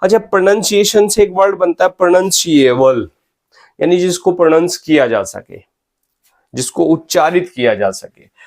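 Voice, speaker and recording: A man teaching English spelling, slowly spelling out words letter by letter and checking in with his students. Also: high voice, expressive, a little mellow. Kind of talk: spelling lecture in Hindi mixed with English.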